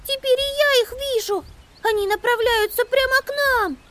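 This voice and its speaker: Tiny squeaky girl mouse, anxious and curious, storybook audiobook. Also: expressive, normal speed. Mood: alarmed. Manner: squeaky, high, worried. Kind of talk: audiobook character voice.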